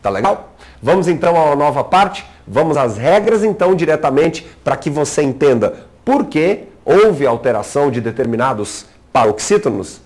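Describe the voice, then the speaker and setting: A man's voice: a little high, expressive, moderate pace, a little mellow. A man, teaching a grammar lesson in an explanatory way, asking rhetorical questions and checking in with the viewer. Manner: didactic, asks rhetorical questions and leans on "né".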